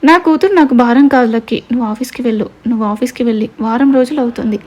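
Woman doing soft loving dad, soothing, mellow dark tone. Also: a little high, quick pace, natural voice. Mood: tender. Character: gentle loving young father.

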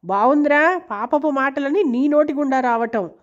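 A woman's voice: high-pitched, moderate pace, close to an everyday voice. A woman reading the lines of an arrogant, mocking rich landlord who orders his servant around. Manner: taunting, bossy. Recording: dull lo-fi recording.

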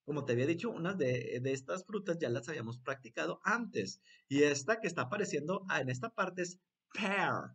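A man's voice: on the high side, animated, fairly quick, a bit bright, husky. A man teaching an online English lesson to young children, switching languages and repeating words for them to echo in a playful voice.

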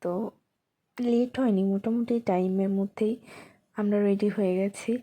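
Hoarse young woman vlogging. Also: mid-range voice, fairly even intonation, mellow. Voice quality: rough, cracking voice. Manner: halting, stumbling over words. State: hoarse, voice gone rough. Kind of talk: casual daily vlog talk.

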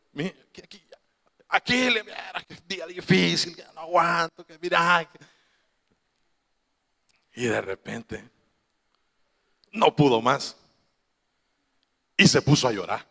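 A man preaching to his congregation in a high voice, with lots of reverb trailing after each phrase. He tells stories and acts out the people he quotes, with laughing asides in between. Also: gravelly, fairly bright tone. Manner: storytelling, quoting his mother, laughing asides. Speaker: pastor. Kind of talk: sermon.

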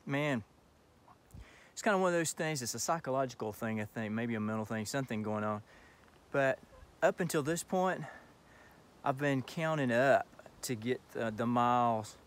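Upbeat bearded hiker filming himself outdoors. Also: male voice, mid-range voice, normal speed. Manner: upbeat, chatty, self-encouraging. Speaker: thru-hiker vlogger. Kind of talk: casual selfie vlog. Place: outdoors on a wooded forest trail. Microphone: phone at arm's length.

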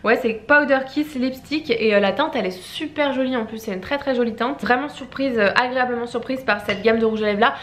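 A woman's voice: fairly high pitch, a little fast, hardly any pauses, a bit bright. A young woman vlogging casually at home, chatty and rambling with many fillers. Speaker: beauty vlogger. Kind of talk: casual vlog chat. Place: at home, indoors. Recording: echoey room.

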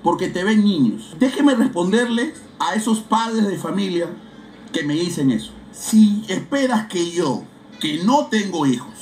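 Loud Peruvian fan streamer, high voice. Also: male voice, sing-song, measured pace, reverberant, a little hiss or hum. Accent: Peruvian Spanish. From Peru. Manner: loud, exclamatory, slangy, bursts into shouting and chanting. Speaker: football fan streamer reacting to a live match. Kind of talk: casual live reaction rant. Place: seated indoors at home setup.

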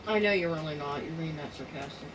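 A middle-aged woman chatting casually on a call, defensive and self-conscious, quick to laugh. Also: deep voice, recorded from a distance, background noise. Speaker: friend on a call. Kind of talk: casual phone chat.

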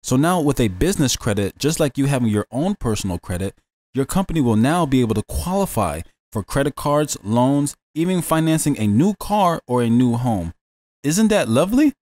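Male course host, mid pitch, swinging intonation, earnest motivational sales read. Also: big pitch swings, normal speed, darkish tone. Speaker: business consultant and course host. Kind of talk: scripted motivational voice-over.

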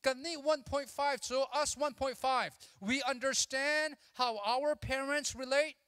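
High, bright-voiced man preaching on a big stage. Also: unhurried, no echo, clean studio sound, long reverb tail. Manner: animated, mixes English with his own language, drills the crowd with call-and-response. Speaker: youth conference speaker. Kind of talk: energetic sermon to a youth audience. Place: large church auditorium stage. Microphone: handheld mic.

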